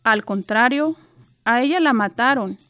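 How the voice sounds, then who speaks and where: A woman from Guerrero, Mexico, tells a traditional folk tale in a soft, measured voice. Her voice sits high, and she takes her time over each phrase. The recording is dry and close. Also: animated, dry recording. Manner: slow, measured and soft-spoken. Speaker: writer and storyteller.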